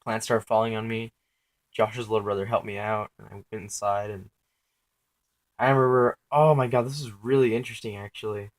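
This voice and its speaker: A young man casually recounting his dreams in a halting, rambling way, full of filler words, self-corrections and casual swearing. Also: on the low side, fairly even intonation.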